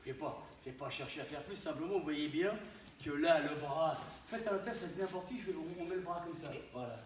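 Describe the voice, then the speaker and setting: Karate teacher in an echoey hall. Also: male voice, fairly high pitch, fairly quick. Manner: animated, punctuates with "hein?" and sudden exclamations. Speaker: karate instructor. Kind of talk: live dojo teaching demonstration. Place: large echoey training hall. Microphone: distant camera mic. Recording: echoey hall from far off, noisy.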